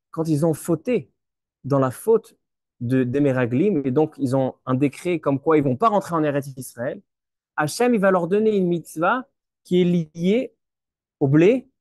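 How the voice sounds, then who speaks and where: A rabbi delivers a Torah lesson in a high, slightly mellow male voice, recorded clean in a studio with no echo. He works through the material step by step, poses questions and answers them himself, and sprinkles Hebrew terms throughout, repeating words as he searches for the right one.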